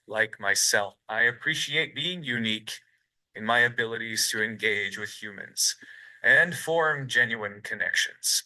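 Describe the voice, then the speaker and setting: Bright synthetic robot voice, male. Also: medium pitch, rough recording. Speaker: interviewed robot. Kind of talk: stiff scripted answers.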